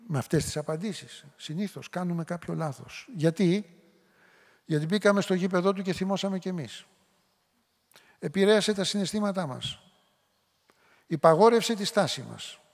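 A middle-aged man with a high voice gives a public lecture in a hall with a long reverb tail. He talks in a conversational way and slips into short quoted voices as examples. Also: gravelly, a little mellow. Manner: conversational, acts out quoted lines.

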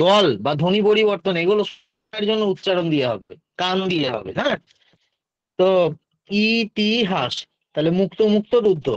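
A man's voice: sits high, no echo. A male teacher speaking with a Bengali accent explains a lesson patiently, step by step, and takes questions from his students. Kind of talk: online exam-prep lesson. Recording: dull lo-fi dry sound.

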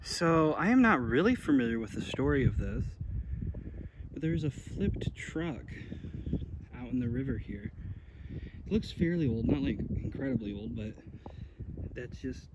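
A young man casually narrating an outdoor exploring vlog in snowy woods, talking in a relaxed, unsure way with plenty of fillers. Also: medium pitch, a little slow, gravelly, long pauses, background noise. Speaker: vlogger.

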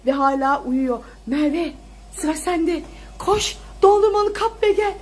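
A young woman and mother hosting a family vlog at home, giving excited commentary on a children's game as she cheers and urges the kids on, often laughing and shouting. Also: high-pitched, takes it slowly.

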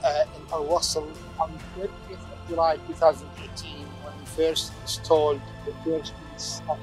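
A man's voice: fairly high pitch, little pitch movement, moderate pace, faint music behind, rough recording. A man speaking earnestly in an interview, searching for words.

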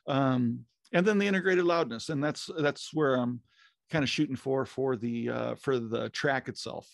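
Talking shop as a podcast co-host in his home music studio, a middle-aged man with a gravelly, fry-edged voice keeps an even pitch. His casual technical chat rambles, pausing often on fillers and restarting sentences. Recorded on a studio mic with headphones over a video call, the sound is close and dry with no room around it.

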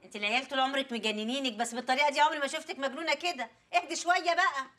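A woman's voice: high voice, very fast, sharp tone. An actress playing a fussy female friend with an Egyptian accent, coaxing and nagging. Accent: Egyptian Arabic. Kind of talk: TV comedy series acting.

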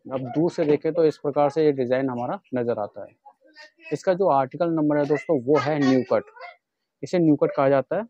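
A man from India talks his viewers through a pair of shoes in a relaxed, chatty vlog. His voice is mellow and dark, recorded dry and a little dull, like a basic lo-fi setup. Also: a little high, a little fast, no room sound. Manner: chatty, repeatedly addresses viewers as friends. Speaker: vlogger showing shoes for wholesale. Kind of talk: casual product demonstration vlog.

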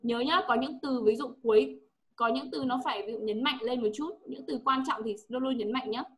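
A woman's voice: a little high, fairly quick. A woman English teacher with a Vietnamese accent, coaching a pupil one-on-one and patiently repeating words for her to echo.

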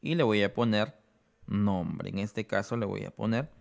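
A man presenting an app tutorial, explaining each step slowly and checking in with the listener. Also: fairly low pitch, creaky. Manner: explains slowly, often adds "¿no?".

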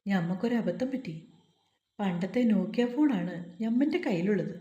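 Old malabar villager, chatty grumbler, mellow tone, roomy echo as a woman reads him. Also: high-pitched, animated, normal speed, muffled recording. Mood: rueful. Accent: Malabar Malayalam dialect. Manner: chatty, complaining.

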